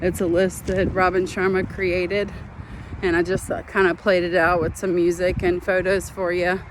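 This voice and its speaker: A woman's voice: fairly low pitch, little pitch movement, normal speed. A woman chatting casually to her viewers as a vlogger, talking into a phone while out on a walk. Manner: chatty, self-deprecating, talks to viewers as friends. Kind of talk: casual vlog chat. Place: outdoors on a walk near traffic. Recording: outdoor traffic noise behind.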